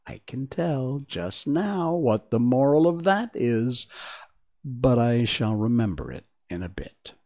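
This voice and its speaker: A man's voice: medium pitch, very animated, takes it slowly, dark tone. A man reading aloud and voicing an ugly old duchess who keeps drawing morals from everything, in a preachy, pompous manner, raised above his own voice. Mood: coaxing.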